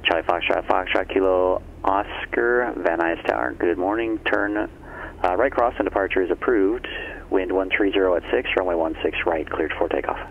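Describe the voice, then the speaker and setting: A man working as an air traffic controller, heard over an aviation radio, giving clearances in clipped, steady, businesslike phraseology. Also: deep voice, moderate pace. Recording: muffled lo-fi radio transmission.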